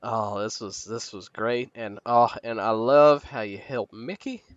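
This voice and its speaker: A gleeful, foul-mouthed woman who keeps a ritual chamber, voiced by a man, chattering on in a delighted ramble. The voice sits somewhat low and stays soft. It sounds dry and close to the mic. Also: unhurried, no room sound, muffled recording, lightly acted.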